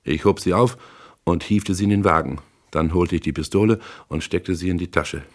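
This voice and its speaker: A man narrating a first-person crime novel in a measured, dry, hard-boiled way. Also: low-pitched. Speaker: audiobook narrator.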